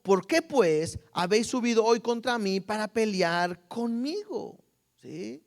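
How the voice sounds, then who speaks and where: A man's voice: high voice, lively intonation, slow pace, vocal fry. A man preaching a conversational sermon as pastor, often checking in with the congregation.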